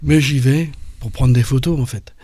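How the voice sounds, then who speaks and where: A man telling a personal story in an interview, halting and restarting often as he recalls it. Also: mid-range voice, dark tone, no room sound. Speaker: interview guest. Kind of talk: personal testimony.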